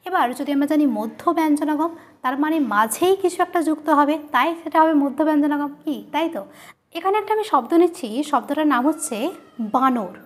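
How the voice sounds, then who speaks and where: A woman's voice: sits high, animated, brisk. A woman teacher giving a grammar lesson, who asks questions and answers them herself, repeating each key term.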